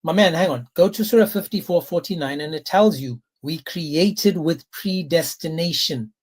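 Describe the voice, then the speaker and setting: A man hosting a live religious debate, insistent and quick to interrupt, calling others bro and my man. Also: fairly high pitch, husky. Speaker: debate host.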